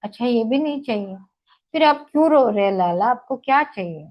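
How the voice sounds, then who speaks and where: A woman voicing a kind village milkmaid who coaxes a crying toddler with gentle questions, in a devotional storybook telling. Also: medium pitch, measured pace, muffled recording, close to an everyday voice. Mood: coaxing. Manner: sweet coaxing questions.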